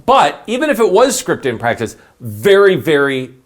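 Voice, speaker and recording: A man's voice: fairly high pitch, big pitch swings, normal speed. A man chatting casually and giving his commentary as a guest panelist.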